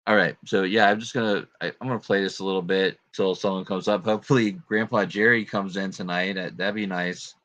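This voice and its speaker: A man's voice: sits low, fairly even intonation, normal speed, fairly bright tone, dry recording. A man hosting a casual livestream, greeting viewers and chatting in a laid-back way with plenty of fillers and laughs. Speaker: livestream host.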